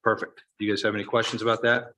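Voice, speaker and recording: A man chairing a town council meeting, rattling off motions and vote calls in quick succession. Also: lowish voice, flat delivery, pushed and bright, low-quality recording.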